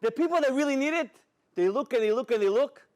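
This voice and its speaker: A man giving a sermon as a rabbi, an animated storyteller who talks straight to his audience. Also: extremely high pitch, fast. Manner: animated storyteller, acts out dialogue, addresses audience directly.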